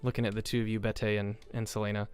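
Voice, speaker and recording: A man's voice: lowish voice, little pitch movement, fast talker, clean tone, dry recording. A man narrating and voicing characters as game master of a tabletop game, hesitant with many ums and restarts.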